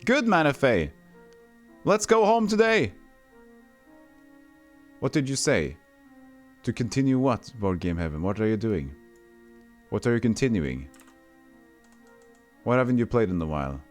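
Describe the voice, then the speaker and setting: A Texas man with no regional accent chats casually while streaming a retro game, reading the game text aloud and answering his chat. His mid-range voice is sing-song and a little slow, with frequent pauses, over soft background music.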